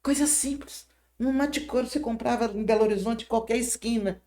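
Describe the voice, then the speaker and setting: Older woman, gentle storyteller. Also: on the high side, fairly quick. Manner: gentle, reflective, often checks in with "sabe?" and "né?". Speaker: podcast guest. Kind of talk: reminiscing storytelling.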